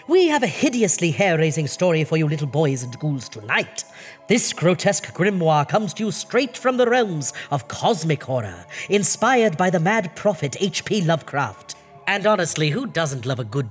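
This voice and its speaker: A performer playing a campy, eerie horror-show host doctor with a husky, raspy voice and theatrical delivery. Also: mid-range voice, big pitch swings, moderate pace, long reverb tail, faint music behind. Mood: ghoulish, theatrical. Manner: theatrical, ghoulish, swooping delivery. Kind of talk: campy horror audio comedy hosting.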